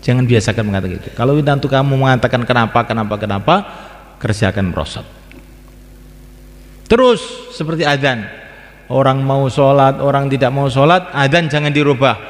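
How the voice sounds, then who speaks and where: In a reverberant hall, a man with a mid-range, animated voice preaches an Islamic sermon at normal speed. He repeats phrases and breaks into sing-song chanting of the call to prayer.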